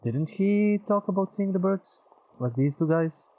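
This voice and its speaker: A man's voice: sits high, animated, measured pace, mellow, no echo, low-quality recording. A man streaming a video game in casual chat, swearing often and laughing readily. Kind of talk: casual let's-play chat.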